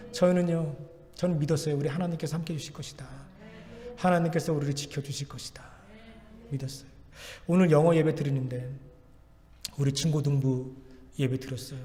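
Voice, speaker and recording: A man's voice: on the high side, mellow, big-room sound. A man preaching a sermon as pastor in a church, urging and repeating exhortations with strong emphasis. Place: church sanctuary.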